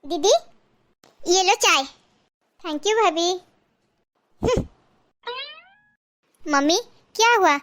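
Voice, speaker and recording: A woman's voice: extremely high pitch, expressive, very slow, pauses often, a bit bright, exaggerated voice. A woman playing a chatty married daughter who is visiting her family home, in a comedy skit. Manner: chatty, coaxing.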